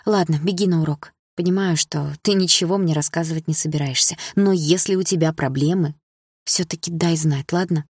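A woman voicing a caring female homeroom teacher who talks softly and pleadingly in an audiobook. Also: deep voice, a little fast, slightly rough, no room sound, studio quality. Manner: soft, pleading. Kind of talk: audiobook character voice.

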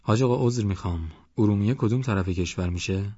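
A man's voice: lowish voice, dark tone, husky, no echo, lo-fi sound. A man voicing a polite, uneasy young village man who speaks deferentially and with hesitation.

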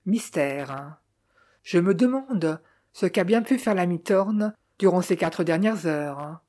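A woman reading the part of a calm, shrewd detective who reasons step by step. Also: on the low side, slow pace. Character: shrewd, calm middle-aged detective man.

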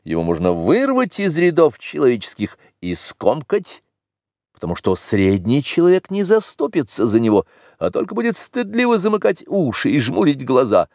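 Brief: male reader as an ironic middle-aged nobleman, warm gravelly tone, animated phrasing. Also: on the high side, normal speed, no room sound, clean studio sound, voice pushed up. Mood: sardonic. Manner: ironic, reasoning. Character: Glumov, sardonic middle-aged nobleman friend.

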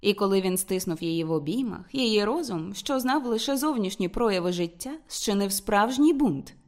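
Woman narrating an audiobook steadily. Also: medium pitch. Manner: steady, measured storytelling.

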